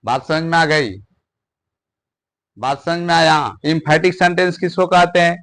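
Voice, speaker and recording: A man teaching English grammar in a classroom lesson, slowly repeating phrases word by word. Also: a little high, a bit bright. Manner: slow, repeats words one at a time for stress.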